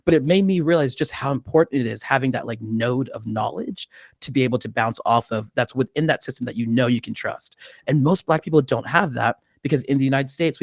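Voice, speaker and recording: A man's voice: mid-range voice, creaky, no echo. A young man in his twenties, a medical student, talking on a video call through a studio mic. He explains things earnestly and laughs often. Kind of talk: casual interview by video call. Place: small indoor room. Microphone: studio mic with headphones on video call.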